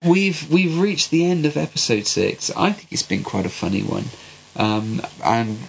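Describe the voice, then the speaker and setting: Gravelly West Country man with a cold. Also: medium pitch, measured pace. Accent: West Country English. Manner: sweary, rambling. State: congested with a cold. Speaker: podcast host. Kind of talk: casual film review chat. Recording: dull lo-fi sound with clear hiss.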